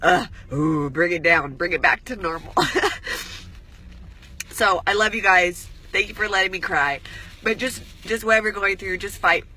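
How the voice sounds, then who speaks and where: A woman's voice: moderate pace, bright, forceful tone. A woman fitness coach on a live stream, tearful and crying as she talks to her followers, rambling earnestly with lots of swearing and "like" fillers. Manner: voice rises high when emotional.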